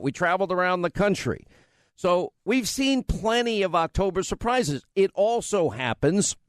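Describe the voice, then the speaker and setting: A New Yorker with a New York accent hosts a political talk radio show, speaking emphatically and conversationally with lots of rambling asides. His voice is high, and the recording is dry.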